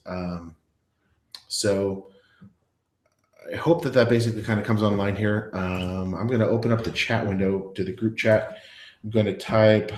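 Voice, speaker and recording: Halting man presenting a live webcast. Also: on the low side, a little mellow, echoey room. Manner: halting, many fillers and restarts. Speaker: presenter of a live web session. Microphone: earpiece in, talking to an online audience.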